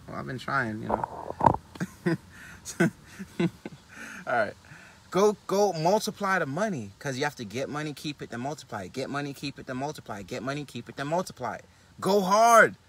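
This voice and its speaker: Bright-voiced man giving a pep talk. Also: medium pitch, a little hiss or hum. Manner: animated, loose and conversational, with frequent asides. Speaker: motivational business speaker. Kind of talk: live-streamed motivational talk. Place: inside a car.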